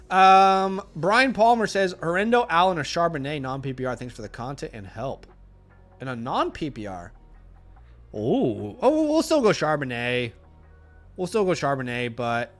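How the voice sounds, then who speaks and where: Man hosting a chatty livestream. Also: fairly high pitch. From Australia. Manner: rambling, animated, easily exasperated with viewers. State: losing his voice. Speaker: fantasy football host answering live chat questions. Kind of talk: casual livestream chat.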